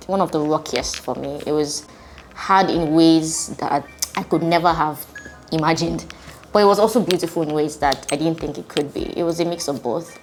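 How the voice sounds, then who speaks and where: A woman in her twenties, hungover, talking casually and reflectively to viewers as a vlogger. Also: sits low. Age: 20s. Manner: informal, reflective, conversational. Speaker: vlogger and channel host. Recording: music behind the voice. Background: music.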